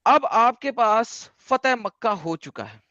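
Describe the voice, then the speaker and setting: A man's voice: extremely high pitch, very animated, measured pace, bright, forceful tone, dry recording. Guy hosting a debate, pushy lecturing style, english phrases mixed in, muffled call audio. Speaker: debate host. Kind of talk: online debate.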